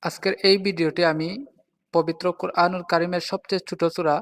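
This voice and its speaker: A man teaching Quran recitation, explaining pronunciation and slowly chanting the verses in a drawn-out melodic style. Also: sits high, flat delivery. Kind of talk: explaining recitation mistakes in Bengali. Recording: long reverb and faint music.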